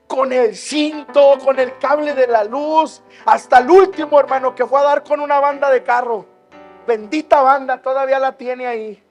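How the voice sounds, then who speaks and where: A man preaching with a Mexican Spanish accent, calling everyone "brother" and swinging from hushed asides to loud, shouted points. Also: extremely high pitch, steady tone, normal speed, soft background music. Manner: calls listeners "hermano" constantly, swings from hushed to shouting. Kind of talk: sermon.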